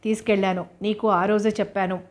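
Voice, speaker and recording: A woman's voice: medium pitch, flat delivery, a little fast, natural voice. A woman reading the part of a young man who coaxes and soothes an upset partner. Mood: pleading. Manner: soothing, coaxing. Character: young man pleading, trying to calm.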